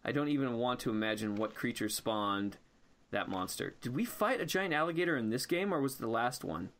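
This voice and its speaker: A man's voice: medium pitch, lively intonation, brisk, a bit bright. A man hosting a let's play, giving casual gameplay commentary, often laughing and reading game text aloud.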